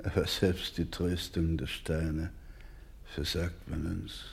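A deep male voice portrays a devout, anguished doctor caring for orphans in a German radio drama. The performance is slow and heavily acted yet flat in delivery, grave, solemn and pleading, with a mood of hushed grief.

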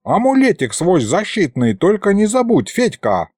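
A self-important ghost sorcerer grumbles warnings, as a man reads him. The voice is lifted and lively, close and dry. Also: high voice, moderate pace, breathy edge, no room sound, pitched above the performer's own voice, full character voice.

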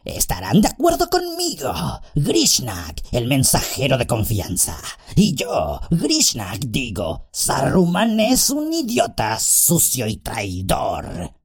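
A man's voice: mid-range voice, huge pitch swings, takes it slowly, breathy edge, voice pushed up, exaggerated voice. A man doing a sneering, sweet-voiced orc schemer. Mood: mocking. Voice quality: softer, sweeter than the others. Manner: sneering, mocking. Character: sly, malevolent male orc messenger, mocking. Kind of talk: audiobook character voice.

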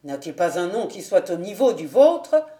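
A woman reading a novel aloud, voicing a proud young male captain in a lower, louder voice with a bitter, sarcastic edge. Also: lively intonation, unhurried. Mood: mocking. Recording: roomy home recording.

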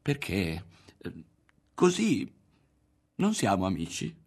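A man's voice: low-pitched, huge pitch swings, slow pace, darkish tone, breathy edge, exaggerated voice. A man reading a novel aloud, voicing a shy teenage boy who stammers and pleads. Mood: pleading.

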